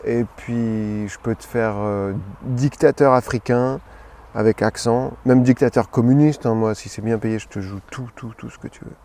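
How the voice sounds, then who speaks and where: A man in his thirties in a comedy sketch interview, playing a self-important actor in a deadpan manner. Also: medium pitch, moderate pace. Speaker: comic actor persona being interviewed.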